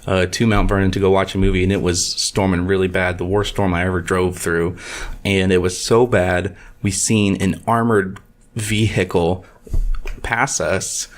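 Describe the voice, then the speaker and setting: A man's voice: low voice, fairly even intonation, moderate pace. A man, co-hosting a podcast in casual chat and telling rambling, folksy stories. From Illinois, US. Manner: rambling storyteller, folksy phrasing. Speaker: podcast co-host.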